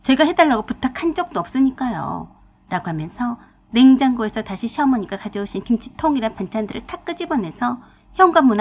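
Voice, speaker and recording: A woman narrating a first-person marital story as a radio drama, in a sharp, assertive way. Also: on the high side, breathy edge. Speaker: storyteller reading a listener's story.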